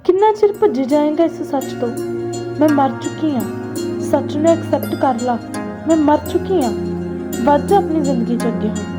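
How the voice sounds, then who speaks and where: A woman playing a dead wife's soft ghost. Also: high-pitched, expressive, normal speed. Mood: pleading. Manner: soft, pleading, distant. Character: ghost of a dead young wife, tender. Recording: echoey, with loud background music.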